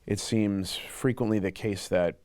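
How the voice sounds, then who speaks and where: A man giving measured, reflective answers as an interviewee. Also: lowish voice, fairly even intonation, a little mellow, no room sound.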